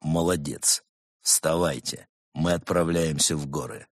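A man voicing a stern, grim monk who speaks low and quietly menacing. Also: measured pace, dry recording, studio quality, exaggerated voice.

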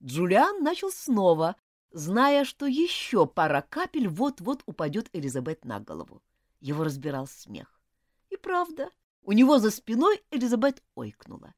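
Animated woman reading a children's story. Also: mid-range voice, moderate pace, no echo, clean studio sound. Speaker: audiobook narrator. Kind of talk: expressive storybook narration.

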